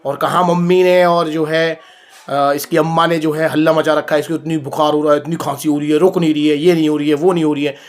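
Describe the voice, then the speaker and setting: Indoors at home, in front of a heater, a father films a casual family vlog, his fairly high voice level in tone as he talks fast. He's playful and teasing while chatting with the viewers.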